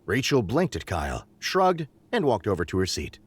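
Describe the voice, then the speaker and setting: A man's voice: lowish voice, huge pitch swings, normal speed, slightly rough, dry recording. Man narrating a text game.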